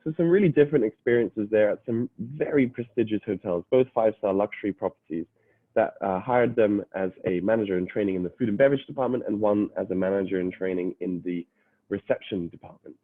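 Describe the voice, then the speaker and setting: Speaking quickly in a low-ish voice, this half-British young man represents university admissions in an online talk explaining things to prospective students. He often says uh and restarts his sentences, and the recording is dry, lo-fi, and phone-like.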